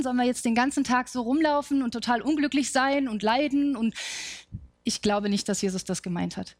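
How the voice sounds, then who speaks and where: A woman with a slightly high voice preaches a thoughtful sermon. She raises questions and then works through the answers herself. The sound is dry and close. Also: no echo. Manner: reflective, asks questions and answers them.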